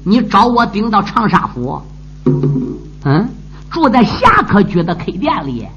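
A man's voice: high-pitched, huge pitch swings, measured pace, a bit bright, full character voice. A male storyteller voicing an earnest young male swordsman who speaks in an urgent, sincere way. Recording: dull lo-fi with music.

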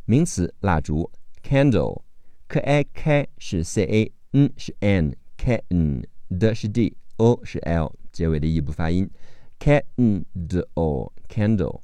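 Man, English teacher, phonics drill, slow deliberate delivery, lively intonation, dry close recording. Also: low voice, no room sound. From China. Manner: slow, deliberate spelling out of sounds and letters. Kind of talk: phonics vocabulary lesson.

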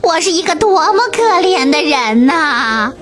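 A woman's voice: high voice, animated, measured pace, fairly bright tone, faint music behind, voice pushed up. Carter read by a woman: arrogant, cruel storybook man, scornful sneer, little disguise. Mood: wailing. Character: arrogant, cruel male cart driver. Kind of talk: storybook character voice.

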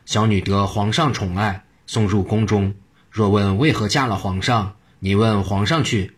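A man's voice: on the low side, fairly even intonation, unhurried, slightly rough. A man voicing an arrogant, defiant old prime minister in a told story. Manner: haughty and defiant.

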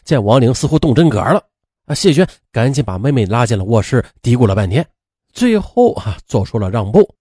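A man's voice: mid-range voice, big pitch swings, brisk, warm tone, slightly rough, no room sound, studio quality. A man narrating a true-crime story in a chatty way, with frequent fillers.

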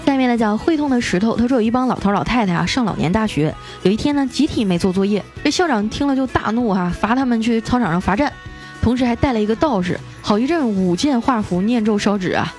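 A woman with a fairly high, slightly mellow voice and lively intonation hosts a radio show, reading listener jokes playfully and chattily over faint background music. She adds her own teasing asides, drawing out her particles as she goes, making it a lively comic reading.

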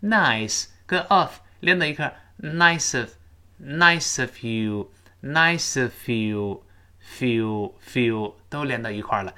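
Lively-voiced male English pronunciation teacher. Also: mid-range voice. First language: Chinese. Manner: explains in detail, slows way down for model sentences. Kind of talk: spoken English lesson with repeat-after-me drills.

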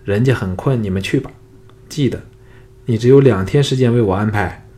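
A male audiobook reader voicing a proud, cold, teasing young swordswoman, a little higher and louder than his narration. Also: moderate pace, husky. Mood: haughty.

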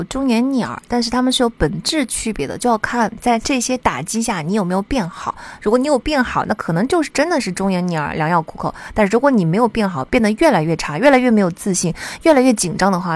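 A woman hosting a solo podcast on psychology, talking in an earnest, chatty way with lots of soft sentence particles as she gives advice. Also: mid-range voice, animated, quick pace, hardly any pauses. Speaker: podcast host.

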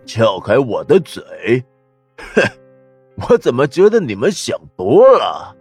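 A man's voice: mid-range voice, very animated, normal speed, breathy edge, dry recording, soft background music. An actor playing a proud, scornful young male Taoist prisoner who mocks and defies his captors. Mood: mocking. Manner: mocking, defiant, bursts into shouting.

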